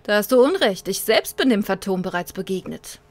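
A woman's voice: medium pitch, lively intonation, fairly quick, natural voice. Woman reading as a weathered old desert hermit. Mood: calm.

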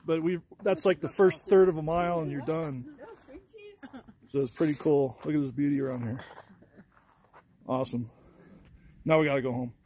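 A man's voice: on the high side, steady tone, moderate pace, long pauses, warm tone. A man hosting a travel vlog outdoors on a hiking trail, chatting in a rambling, easygoing way full of fillers, recorded on a camera mic. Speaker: travel vlogger, host. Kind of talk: casual vlog narration on a hike.

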